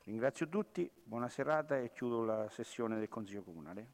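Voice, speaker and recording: A man's voice: mid-range voice, animated, fairly quick, darkish tone. A man chairing a council meeting in a formal, procedural style with short clipped calls. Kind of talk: formal procedural vote-calling. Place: reverberant council meeting hall. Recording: echoey hall, long reverb, distant.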